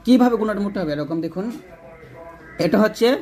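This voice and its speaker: In an online lesson, a man teaches the rules of Quran recitation, posing questions and answering them himself while slowly stretching out example syllables. His voice is high-pitched and darkish in tone with lively intonation, and faint music plays behind him.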